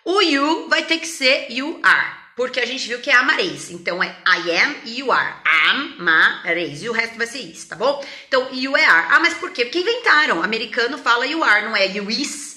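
Brazilian woman English teacher, playful and animated, bright voice, slightly high, echoey room. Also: normal speed, few pauses. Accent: Brazilian Portuguese. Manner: animated and playful, switches between Portuguese and English examples. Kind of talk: lively private-lesson style teaching.

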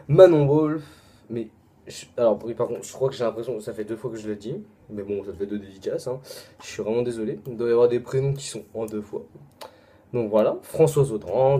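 A young man with a French accent, rattling off a long list of names in a casual shout-out video, with quick asides and apologies. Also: mid-range voice. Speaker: vlogger.

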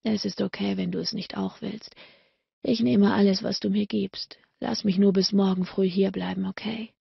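A woman voicing an intense adult male lover, speaking low and murmured with a rough, deep tone. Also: takes it slowly, no room sound, highs cut off, full character voice. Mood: sleepy, tender. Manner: low, murmured, breathy delivery.

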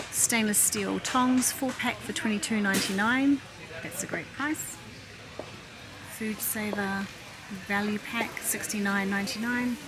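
A chatty shopping vlogger thinks out loud as she browses a large indoor warehouse store, keeping the narration casual. Someone films her on a handheld camera, and the noisy store ambience, hum and rumble are loud.

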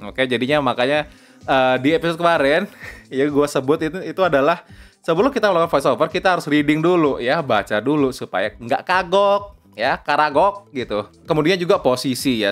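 A man's voice: fairly high pitch, a bit bright. A young man giving a casual spoken tutorial on voice-over, chatty, often tagging "ya" and "oke", dropping in English phrases. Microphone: close lapel mic.

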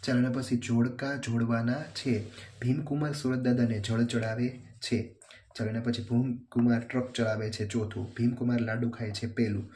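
Male teacher, steady plain reader, mid pitch, dark mellow tone. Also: slight background noise. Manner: steady, plain reading, slowing for rhymes. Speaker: teacher going over a workbook. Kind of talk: reading out workbook answers.

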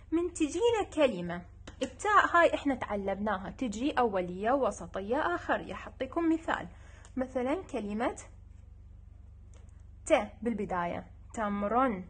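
Husky Iraqi woman teaching children. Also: a little high. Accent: Iraqi Arabic. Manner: patient, repeating each sound slowly. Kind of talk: children's lesson.

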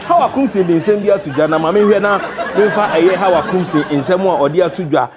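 A man's voice: sits high, fairly quick. A man in his thirties with a Ghanaian West African accent, hosting comic satirical news commentary in a theatrical, mock-serious way. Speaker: comedy news show host. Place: indoor TV studio set. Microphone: lapel mic. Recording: noisy, with crowd sound behind.

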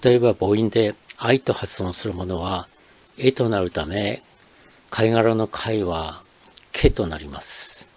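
Older man, from Akita, host, low-pitched, steady explanatory reading. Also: takes it slowly. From Akita, Japan. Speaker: channel host. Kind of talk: scripted narration.

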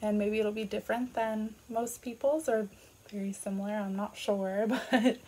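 A woman's voice: mid-range voice, steady tone, normal speed, warm tone, slightly rough. A Canadian woman in her late twenties, chatting casually on her vlog, filling her talk with "like" and "um" and laughing at herself. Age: 20s. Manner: chatty, filler-heavy, self-deprecating with frequent laughs. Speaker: booktuber.

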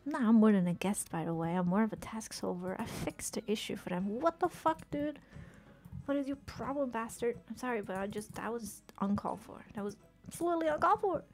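Woman, game streamer, casual chatter, frequent swearing, quick reactions, mid-pitched voice. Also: a little mellow, soft background music. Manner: chatty, swears often, quick exclamations and giggles. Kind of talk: casual live-stream commentary while playing.

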